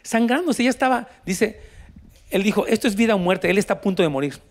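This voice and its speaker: Mexican pastor guy preaching, high-ish voice, goes spanish to english and back urging the crowd on. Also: animated, fairly quick. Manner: storytelling, switching between Spanish and English, exhorting the congregation. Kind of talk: sermon.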